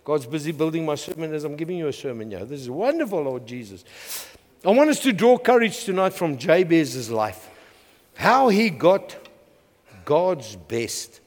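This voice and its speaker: South African pastor, high voice, energetic sermon, lots of amens, reverberant church hall. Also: male voice, normal speed. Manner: energetic, call-and-response, frequent "Amen".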